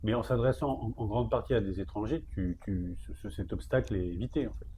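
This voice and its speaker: A man's voice: fairly low pitch, a little fast, warm tone, a little hiss or hum. A man interviewing a guest conversationally, feeling his way into questions and restarting them mid-sentence.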